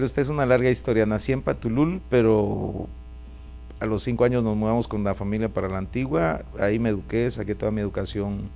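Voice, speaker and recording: A middle-aged pastor and prophet with a Guatemalan Spanish accent gives a relaxed testimony interview as a guest. His low voice is gravelly and mellow with noticeable fry, and he chats easily, often tagging lines with a questioning "right?" over a faint mains hum.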